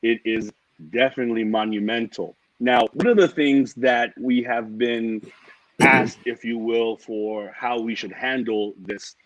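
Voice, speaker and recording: A man's voice: mid-range voice, fairly even intonation, a little slow, dry recording. A man moderating a panel interview, a youth minister asking friendly questions. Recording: dull, distant, dry call audio.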